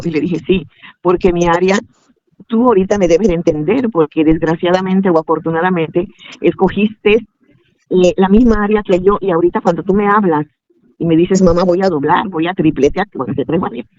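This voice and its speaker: An older woman, calling in and telling a personal story, haltingly acting out both sides of past conversations. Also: lowish voice, steady tone, a little mellow, no echo, muffled recording. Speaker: caller asking for advice.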